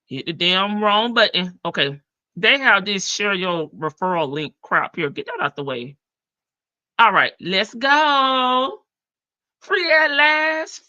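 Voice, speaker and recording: A woman's voice: mid-range voice, sharp tone, no room sound, lo-fi sound. A woman hosting a livestream with informal, teasing chatter and casual commentary. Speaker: livestream host.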